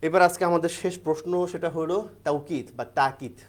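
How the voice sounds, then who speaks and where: A man with a fairly high voice delivers an exam-prep grammar lecture. He builds each point step by step, asks the class rhetorical questions and answers them, and keeps checking that students follow. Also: fast. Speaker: teacher.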